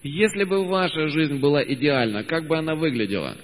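A man's voice: a little high, a little fast. Man, consecutive interpreter, hesitant, lots of fillers, echoing hall. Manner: hesitant, many filler sounds and self-corrections.

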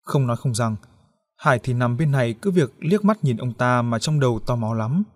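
A man's voice: mid-range voice, expressive, moderate pace. Man narrating a horror audiobook. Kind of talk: scripted horror story narration.

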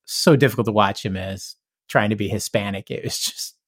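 A man's voice: fairly low pitch, brisk, no room sound, studio quality. Wry man steering a podcast chat. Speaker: podcast co-host. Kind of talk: casual chat.

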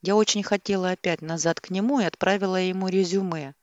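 A woman voicing a distraught young woman who pleads and shouts in agitation, in an audiobook. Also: lowish voice, steady tone, quick pace, no echo, studio quality, lightly acted. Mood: shouting.

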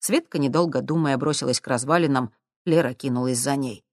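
An audiobook narrator reads in a steady, even storytelling manner at a middle pitch. The recording is close and dry, with no room sound. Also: fairly quick, dry recording.

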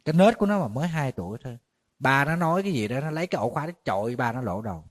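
A man, a Buddhist monk giving a conversational dharma talk, a little tired, animated when he tells stories. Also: medium pitch, very fast. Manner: conversational storytelling, animated when retelling shouting.

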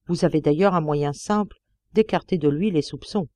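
A woman's voice: low voice, moderate pace, a little mellow, no room sound, close to an everyday voice. A woman voicing a young male policeman in an audiobook, coaxing and insistent in his questions. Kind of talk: audiobook character reading.

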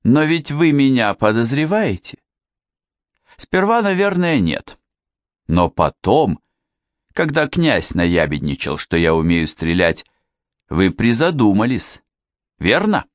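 A dramatic young woman pleads and insists, her voice lifted high above the reader's own. A male audiobook narrator puts her on with plenty of theatrical flair. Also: very animated, takes it slowly, pauses often, no echo, clean studio sound. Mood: insistent. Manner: melodramatic, insistent.

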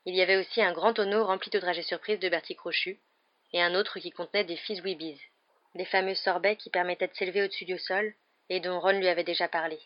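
A woman reading an audiobook in an even, measured storytelling manner, in a dull lo-fi recording. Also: on the low side. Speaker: audiobook reader. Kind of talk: audiobook narration.

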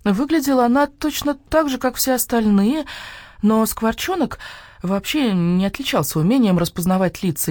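A woman's voice: mid-range voice, darkish tone, no room sound, clean studio sound. A woman narrating a children's audiobook in a playful, storytelling manner.

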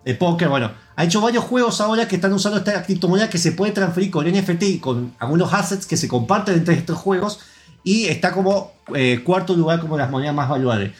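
Argentine guy hosting a gaming podcast, kinda high voice, rambles w lots of ehs, faint music behind. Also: expressive, quick pace. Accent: Argentine Spanish. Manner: rambling, opinionated, filler-heavy. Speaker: podcast host. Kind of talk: casual chat.

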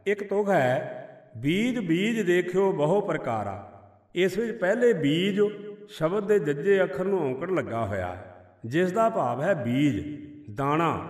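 A man with a Punjabi accent giving a measured teaching on how to recite scripture correctly, half-chanting the verses he quotes. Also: a little high, roomy sound, in a large hall, recorded from a distance. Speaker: Sikh scripture scholar.

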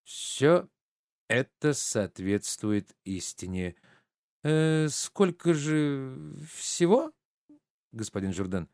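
A man's voice: mid-range voice, very animated, extremely slow, a little mellow, no room sound, studio quality, pitched above the performer's own voice, exaggerated voice. A man reading a stage play aloud, voicing a polished, ingratiating nobleman. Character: smooth-talking scheming nobleman.

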